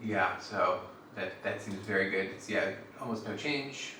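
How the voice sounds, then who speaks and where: A man's voice: lowish voice, measured pace. A man talking casually and a little hesitantly as he works through an observing task, thinking aloud. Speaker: astronomy observer. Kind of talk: casual vlog talk while working. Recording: echoey room with faint background noise.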